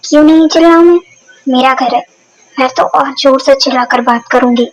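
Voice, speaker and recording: A woman playing a hot-tempered female mafia boss, scolding, high-pitched. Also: level tone, normal speed, husky, rough recording. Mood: angry. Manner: sharp and scolding.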